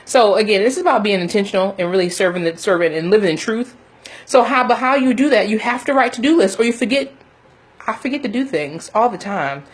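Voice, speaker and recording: A woman's voice: medium pitch, animated, fast talker, slightly rough. A woman giving a casual, motivational livestream talk in a chatty, emphatic way, often checking in with her listeners. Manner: chatty, emphatic, laughs often, punctuates with "okay?" and "you know". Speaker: motivational faith coach, livestream host.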